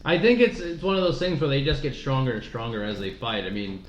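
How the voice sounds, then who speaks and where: A man's voice: medium pitch, quick pace. A man co-hosting a podcast, chatting casually in a rambling, profane way and laughing often. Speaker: podcast co-host. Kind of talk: casual chat. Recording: roomy, dull, faint noise.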